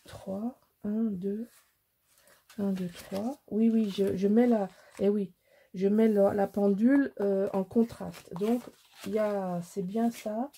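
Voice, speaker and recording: Middle-aged woman from Alsace, dark husky voice, chatty self-mocking craft tutorial host. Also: medium pitch, steady tone, takes it slowly. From Alsace, France. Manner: rambling, self-mocking, many restarts. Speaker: scrapbooking crafter. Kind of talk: casual crafting tutorial chat.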